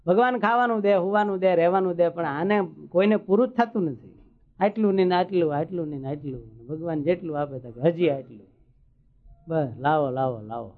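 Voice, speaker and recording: A man preaches in a chatty, joking storyteller's way. His voice sits a little high. The sound is thin and phone-like, with faint music underneath. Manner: humorous, chatty, rustic storytelling. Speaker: religious storyteller. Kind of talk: folksy devotional sermon.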